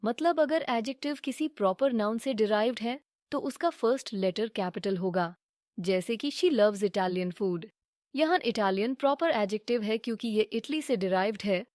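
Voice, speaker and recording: A woman teaching English grammar in a scripted lesson, reading example sentences slowly and deliberately. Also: on the high side, lively intonation, darkish tone, dry recording, studio quality.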